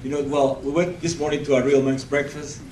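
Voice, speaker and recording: A man giving a halting testimony at a church meeting, restarting his sentences often. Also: fairly high pitch, steady tone, background noise. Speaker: outreach volunteer reporting. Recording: echoey room, distant camera mic.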